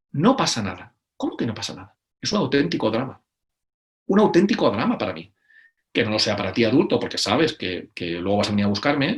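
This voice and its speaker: A middle-aged man with a Spain Spanish accent gives an animated conference talk, acting out quoted voices between frequent hesitations. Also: medium pitch. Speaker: conference speaker.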